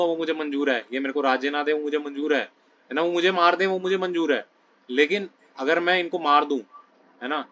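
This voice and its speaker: A man's voice: a little high, a bit bright. A man explaining scripture to a study group in a conversational way, often checking in with listeners between phrases. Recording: dull lo-fi sound with faint noise.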